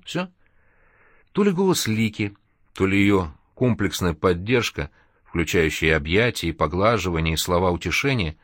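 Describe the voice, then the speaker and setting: A man narrating an audiobook in an expressive storytelling manner. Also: lowish voice, no echo, studio quality. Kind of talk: scripted narration.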